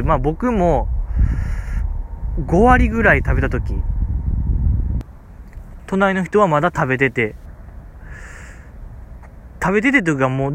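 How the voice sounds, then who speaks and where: A man's voice: on the high side, noisy background. A man with a Kansai accent who tells a casual story on a podcast, rambling with many fillers. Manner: rambling, filler-heavy, amused. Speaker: podcast host.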